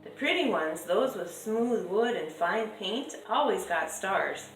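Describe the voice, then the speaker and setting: A woman reading a children's picture book aloud in a measured, lilting storytelling way, drawing out stressed words. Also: medium pitch, lively intonation. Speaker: storybook reader. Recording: echoey room with music behind. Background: music.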